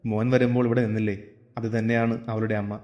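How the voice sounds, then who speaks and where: A man voicing a calm, detached elderly father in a storybook reading, speaking evenly and without fuss. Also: fairly low pitch, fast, lo-fi sound, natural voice.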